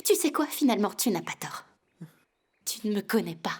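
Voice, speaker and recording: An actress dubbing a hot-tempered, scheming young woman in a telenovela, sharp and accusing. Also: mid-range voice, expressive, normal speed, breathy edge. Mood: threatening. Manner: sharp, accusing, bursts into shouting. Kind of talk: dubbed telenovela acting.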